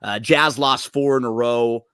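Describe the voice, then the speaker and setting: A man hosting a podcast, chatting casually and quickly about basketball, often restarting his sentences. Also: medium pitch, steady tone, fairly bright tone, smooth, no echo, clean studio sound. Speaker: podcast host. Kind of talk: casual sports chat.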